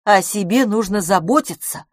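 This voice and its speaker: A woman doing a boastful salon owner, brisk and loud. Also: mid-range voice, dry recording, clean studio sound, voice pushed up, natural voice. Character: brash, confident London beauty salon owner.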